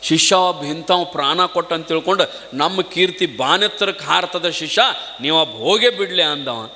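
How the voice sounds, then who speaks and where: A man telling a story in a spiritual sermon, lively and addressing listeners respectfully. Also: a little high, moderate pace, in a large hall. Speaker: preacher.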